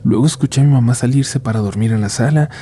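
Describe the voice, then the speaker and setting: A Mexican man hosting and narrating scripted horror stories in Spanish with a Mexican accent, in a grave, suspenseful, hushed manner with dramatic pauses. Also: mid-range voice, a little hiss or hum. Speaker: horror story podcast host and narrator.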